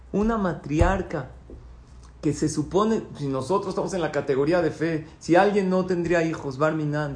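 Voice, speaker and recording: Hombre de voz aguda predicando con fervor. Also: male voice, a little high. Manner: teaching with questions and answers, swinging between loud pleas and soft asides. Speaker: rabbi. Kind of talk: sermon.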